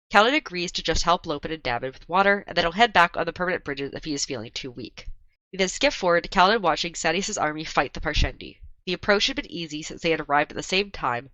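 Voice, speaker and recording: A sick woman with a strained voice hosts a book podcast and walks through the chapter recap. Her tone is bright and forward, and her low-ish voice sits close and dry on the mic with no room sound. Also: no room sound, muffled recording. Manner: reads the recap steadily, with frequent laughs in the banter. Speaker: podcast host.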